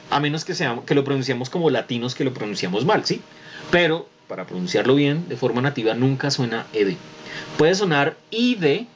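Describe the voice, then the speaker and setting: On a video call picked up by a computer mic, a man tutors an online class in English pronunciation, explaining patiently and checking on his students. He shifts between Spanish and English and keeps asking "¿listo?" His voice is on the high side, and the recording sounds muffled with a little hiss or hum.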